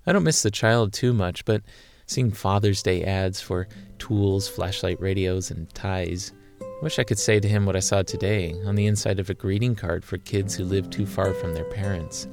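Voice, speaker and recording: Low-voiced man narrating over guitar. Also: gravelly. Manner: quiet, wistful, measured. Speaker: documentary narrator. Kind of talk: scripted personal narration. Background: soft guitar music.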